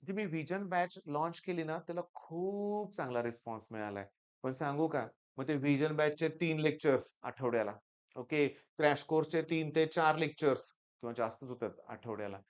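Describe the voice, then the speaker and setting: A man's voice: on the high side, normal speed, clear, resonant tone, lo-fi sound. A man in his forties with a Marathi accent, a teacher giving students an earnest, reassuring motivational talk, tired and with a weaker voice than usual, often asking "okay?". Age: 40s.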